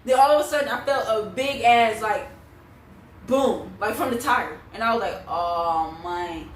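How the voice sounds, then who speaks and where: A woman's voice: fairly high pitch, unhurried. A young adult woman telling a personal story in casual, slangy, blunt vlog chat, swearing freely. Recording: roomy echo, distant mic, faint noise.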